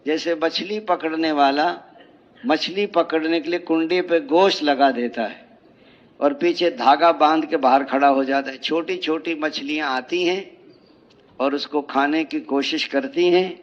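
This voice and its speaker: A man with a Pakistani Urdu accent preaching an emotional religious sermon, telling parables and asking rhetorical questions. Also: on the high side. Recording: dull lo-fi audio.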